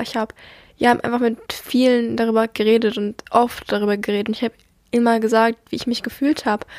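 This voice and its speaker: A woman's voice: fairly high pitch, no room sound, clean studio sound. A young woman talking casually and personally as a podcast host, in an earnest, reflective, somewhat subdued manner. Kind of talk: personal monologue, casual confiding talk.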